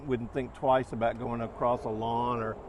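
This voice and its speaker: Man, medium pitch, folksy, casual customer chat, faint outdoor background noise. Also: level tone, normal speed. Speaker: customer trying out a scooter.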